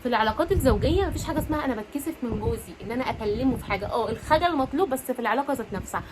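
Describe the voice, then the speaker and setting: Rapid-fire chatty Egyptian woman. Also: on the high side, lively intonation, background noise. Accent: Egyptian Arabic. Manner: chatty, playful, acts out little dialogues. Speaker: relationship advice host. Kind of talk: casual advice talk to women.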